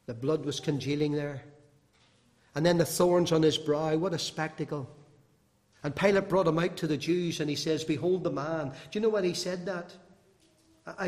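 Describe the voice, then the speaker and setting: A man preaching an impassioned sermon, his voice moving between loud and hushed, with long hall reverb. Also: fairly high pitch.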